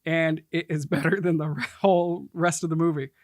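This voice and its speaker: A man's voice: fairly high pitch, level tone, brisk, a little mellow, no room sound, studio quality. A man sitting in as podcast co-host, chatting casually, agreeing and laughing easily. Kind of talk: casual chat.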